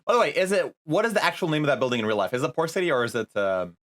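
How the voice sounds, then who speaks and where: A man's voice: on the high side, sing-song, rapid-fire, fairly bright tone. A man hosting a podcast in casual chat, hesitant with many fillers as he moves the talk along. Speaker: podcast host.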